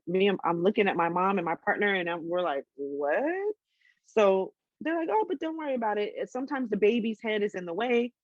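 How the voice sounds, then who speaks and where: A woman's voice: on the low side, no room sound, lo-fi sound. A woman in her twenties telling a personal story in a casual interview, candid, with many ums and restarts. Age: 20s.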